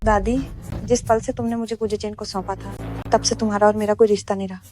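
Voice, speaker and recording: Young woman, loyal granddaughter heroine, dubbed by a woman, earnest, indignant, loud music behind. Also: medium pitch, level tone, fast, lightly acted.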